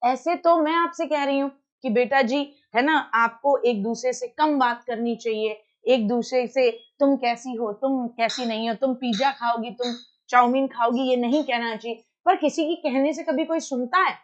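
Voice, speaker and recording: A woman's voice: high-pitched, normal speed, highs cut off. A woman teacher giving an exam-prep lecture, acting out short everyday dialogues as she explains. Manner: animated, acts out little dialogues.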